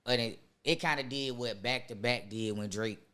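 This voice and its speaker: A man's voice: mid-range voice, moderate pace, sharp tone, clean tone. A young adult man as a guest in a casual chat, laid-back yet insistent and freely profane.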